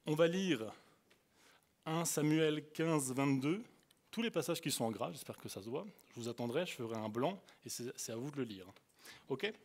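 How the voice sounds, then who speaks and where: A young man with an Alsatian accent, preaching a sermon as a youth preacher. He tells stories animatedly, swinging between loud bursts and hushed asides. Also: mid-range voice, lively intonation, normal speed. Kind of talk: storytelling sermon.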